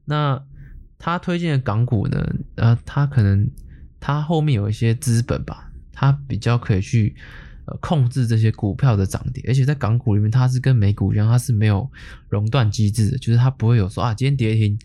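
A man's voice: mid-range voice, a little fast, warm tone. A man with a Taiwanese Mandarin accent, hosting a podcast and telling a story in a laid-back, slangy way with mild swearing. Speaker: podcast host. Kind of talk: casual storytelling.

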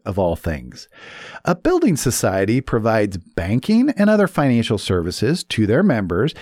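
A man's voice: mid-range voice, a little mellow, dry recording. Financial planner guy chatting casually, jokey, voice bouncing all over, dry close sound. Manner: playful, joking asides. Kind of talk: casual talk about money hoaxes.

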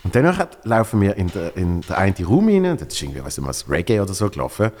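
A man's voice: low-pitched, wildly swooping pitch, fast talker, a little mellow. A man in his thirties with a Swiss German accent, telling a story in casual chat with lots of restarts. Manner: rambling storyteller, many restarts and fillers. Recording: reverberant room.

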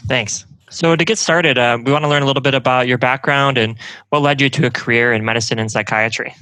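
A man hosting a podcast and interviewing a guest, with a measured, scripted introduction. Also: mid-range voice, fairly even intonation, sharp tone, no room sound, rough recording.

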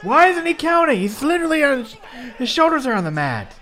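An excitable man co-commentates wrestling in a strikingly high voice. His pitch swings widely and his tone is bright and forceful as he exclaims at the moves and questions what he sees. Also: brisk.

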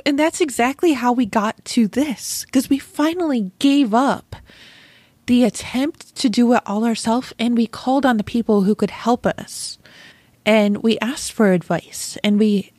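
A woman's voice: on the high side, measured pace, darkish tone, dry recording. A woman hosting a podcast in casual conversation, effusive and exclamatory. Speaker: podcast host.

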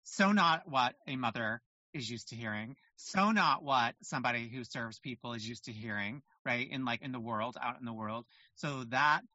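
A man hosts a podcast interview with a bright, crisp-edged voice. He reflects back what his guest says and asks questions in an affirming, encouraging way. The sound is dry and a little muffled. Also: medium pitch, moderate pace, no room sound. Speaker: podcast host.

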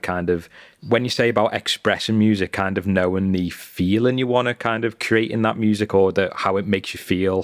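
A man's voice: low voice, no room sound, studio quality. A man hosting a podcast, asking long, winding questions padded with "like" and "kind of". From Liverpool, England. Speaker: podcast host. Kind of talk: podcast interview.

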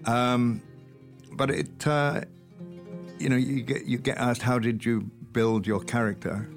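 A Welsh-accented actor chats easily as a guest in a relaxed interview, telling stories with wry humour. His mid-range voice holds a steady tone at a slow pace, with soft music in the background.

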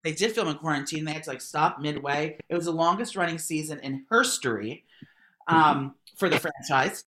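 A man's voice: on the high side, normal speed, sharp tone. A man hosting a podcast in casual gossip chat, his voice distant because he is far from the phone mic in a bigger room. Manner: chatty, gossipy. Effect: voice far from the phone mic, held away. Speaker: podcast host. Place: larger room.

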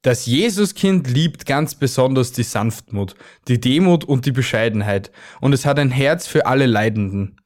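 Man voicing storybook archangel, kindly, firm, lively pitch. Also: moderate pace, hardly any pauses, lightly acted. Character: archangel Michael, kindly firm male angel. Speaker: podcast co-host.

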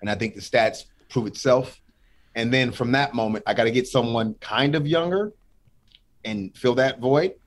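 A man's voice: medium pitch, moderate pace. A middle-aged man talking earnestly and emotionally as a guest in a casual podcast chat.

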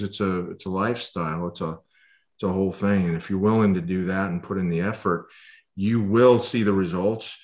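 A man hosting a casual fitness chat, giving earnest advice with many fillers and restarts. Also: sits low.

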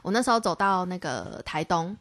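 A young woman with a Taiwanese Mandarin accent, co-hosting a podcast and telling a story in an animated, chatty way with many restarts. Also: fairly low pitch, fairly quick. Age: young adult. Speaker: podcast co-host. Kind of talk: casual storytelling chat.

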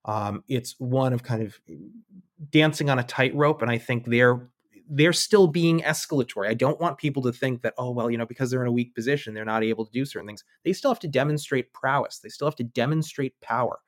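A man speaks as a guest analyst in a relaxed podcast interview, his voice sitting at an ordinary middle pitch. He thinks aloud and drops wry asides and quick mock voices into his points. The recording is close and dry, with no room sound. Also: no echo. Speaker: guest analyst on militia groups.

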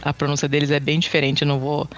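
With faint music playing behind him, a Brazilian man co-hosting a casual podcast races along in a monotone, his voice on the high side and fairly bright. His talk rambles, full of restarts and fillers, and he admits he's never brief.

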